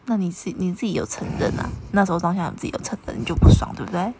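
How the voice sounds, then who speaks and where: A young woman co-hosting a podcast with her husband, telling a story in a lively way and pressing him to admit he was wrong. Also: fairly low pitch, racing, very noisy. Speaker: podcast co-host. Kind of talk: casual chat.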